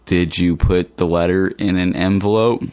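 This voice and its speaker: A man's voice: low-pitched, steady tone, normal speed, a little mellow, dry recording. A man reading everyday dialogues aloud for English learners with a plain, careful delivery. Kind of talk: slow scripted dialogue reading.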